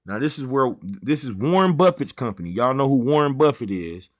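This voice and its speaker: This thirty-something trading stream host talks briskly in a mid-range voice with lively intonation. Chatting casually with his viewers, he uses loose slang and keeps wandering off topic.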